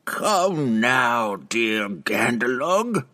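A withered old drow witch, as a male narrator puts her on, cruel and taunting, her voice pitched up high and strained in timbre. She stretches every word out slowly, savouring each mocking line in this audiobook fantasy. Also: huge pitch swings, gravelly, a bit bright, dry recording, heavily acted. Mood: teasing. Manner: slow, mocking, drawn-out teasing. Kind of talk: audiobook character voice.

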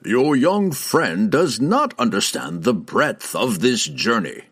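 A man reading aloud, voicing an old male wizard who speaks slowly and ominously. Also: medium pitch, sing-song, fairly bright tone, breathy edge, heavily acted. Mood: grave. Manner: slow, measured, ominous delivery.

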